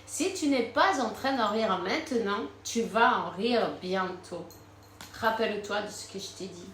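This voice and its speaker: A woman's voice: medium pitch, measured pace, a bit bright, roomy sound, slight background noise. A woman giving a casual spiritual card reading, chatting freely, laughing often and using many fillers. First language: Spanish. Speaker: tarot card reader.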